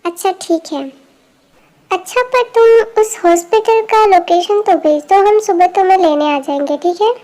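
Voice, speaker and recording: A woman's voice: very high-pitched, normal speed, mellow. A woman voicing a worried, affectionate middle-aged mother in an amateur fan dub, with an anxious, motherly manner.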